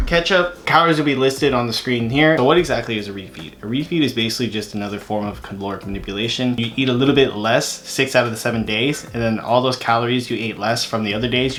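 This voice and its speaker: A man's voice: medium pitch, slight background noise. A young man, narrating his fitness vlog in a laid-back, slangy way. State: out of breath while hiking. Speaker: fitness vlogger. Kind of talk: casual vlog voice-over.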